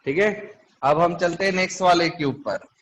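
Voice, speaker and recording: A man's voice: on the high side, normal speed, slight background noise, low-quality recording. A man teaching a chemistry class, explaining step by step and quizzing his students. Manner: asks the class questions often. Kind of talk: classroom lecture.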